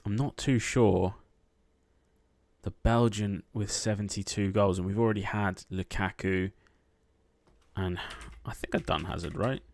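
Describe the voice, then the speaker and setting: A man's voice: fairly low pitch, fairly even intonation, measured pace, vocal fry, pauses often, darkish tone, no echo. A man playing an online quiz, thinking aloud and muttering guesses with frequent ums. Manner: muttering names half to himself, lots of ums. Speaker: quiz gameplay streamer. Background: keyboard typing.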